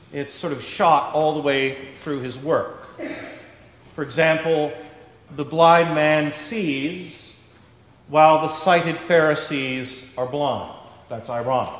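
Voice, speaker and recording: A man delivering a sermon, unhurried and gently humorous. His voice sits slightly high. The church around him adds a long, roomy reverb. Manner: measured, storytelling, gently humorous. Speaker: preacher. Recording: echoey church hall reverb.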